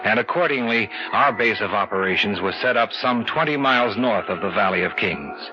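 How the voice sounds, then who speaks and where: An actor narrating in the first person as an archaeologist in an old radio drama, in an earnest, measured storytelling manner, heard through an old radio show broadcast sound. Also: male voice, lowish voice, lively intonation. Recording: dull lo-fi old radio recording with music.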